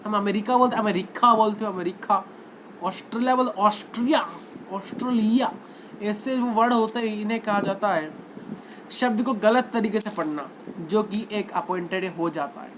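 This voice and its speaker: A man's voice: sits high, normal speed, fairly bright tone, a little hiss or hum. Man lecturing with question-and-answer drills. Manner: asks questions and answers them himself; repeats key words for emphasis. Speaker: teacher. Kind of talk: classroom history lecture.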